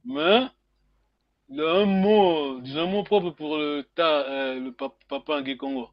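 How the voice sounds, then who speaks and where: A man teaching a language class online, questioning his students, with slow speech and many hums. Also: a little high, no room sound, lo-fi sound. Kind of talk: online group lesson.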